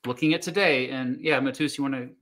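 A man hosting a casual online panel livestream, relaxed and friendly as he directs the talk and wraps up. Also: mid-range voice, quick pace. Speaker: livestream host.

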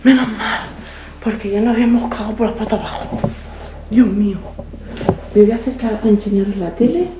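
A woman, exploring an abandoned house in a casual vlog, exclaiming and marveling aloud, often hushed. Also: mid-range voice, fairly even intonation, brisk, long pauses, background noise. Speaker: urban explorer host. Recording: roomy, dull lo-fi camera audio with faint music.

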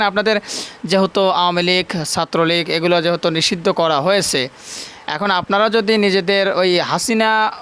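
A man hosting a casual news commentary video, joking in a colloquial, drawn-out way. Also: fairly high pitch, sharp tone, clean tone.

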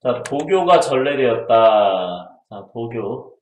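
A man's voice: medium pitch, sing-song, slow, darkish tone, highs cut off. A man teaching history in a casual exam-prep lecture, who asks his students questions and answers them himself. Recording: roomy echo.

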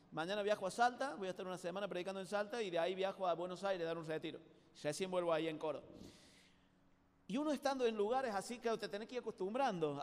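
A man with an Argentine accent preaching a live sermon to a youth congress, telling stories in a chatty, colloquial way and addressing the audience directly. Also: high voice. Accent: Argentine Spanish. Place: large hall at a youth congress. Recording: reverberant live hall recording.

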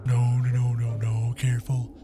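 A man's voice: mid-range voice, completely flat delivery, normal speed. A man hosting a gaming video, reacting to a horror game in a scared, panicky way and repeating words as he talks to viewers. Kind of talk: excited game commentary to viewers. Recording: music behind the voice. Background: music.

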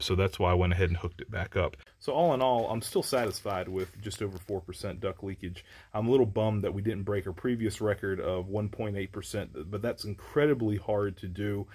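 Inside a house under construction, an HVAC contractor in his forties uses a fairly low-pitched voice to explain a test in a practical, plainspoken way. It's an instructional job-site vlog shot on a handheld phone.

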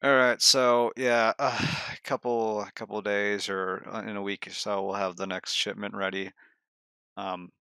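A man playing a tabletop role-playing game over voice chat, thinking aloud in a halting manner. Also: on the low side, level tone, pushed and bright, clean tone, dry recording. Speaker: tabletop role-play player.

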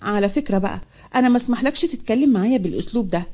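A woman's voice: medium pitch, expressive, racing, close to an everyday voice. A woman voicing a defiant young Egyptian doctor. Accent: Egyptian Arabic. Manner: sharp-tongued and defiant.

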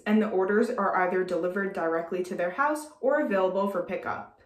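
A teenage girl reads news narration in an even, measured tone. The room around her echoes noticeably. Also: medium pitch. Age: teens. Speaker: student reporter. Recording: roomy echo.

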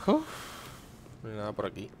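A man's voice: on the low side, wildly swooping pitch, normal speed, darkish tone, a little hiss or hum. A young man, commenting on his gameplay, muttering to himself and swearing. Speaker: gameplay host. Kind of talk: let's play commentary.

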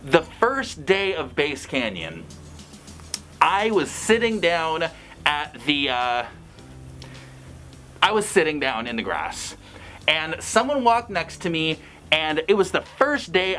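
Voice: medium pitch, sing-song, measured pace, a bit bright, soft background music. A fursuiter giving casual vlog advice from inside a costume head. The voice is muffled and chatty, with dry, sarcastic asides. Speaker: fursuiter vlogger.

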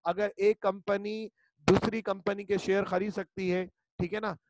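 A man's voice: sits high, level tone, measured pace, background noise. A male law teacher, giving an online class lecture and drilling students by repeating key terms. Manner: repetitive, drilling students with call-and-response.

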